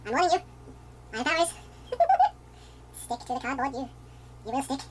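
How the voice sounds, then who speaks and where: A man putting on a voice for an excitable, fussy male showman who theatrically scolds his building pieces. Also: very high voice, moderate pace, slight background noise, pitched above the performer's own voice, exaggerated voice. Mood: scolding. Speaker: vlogger.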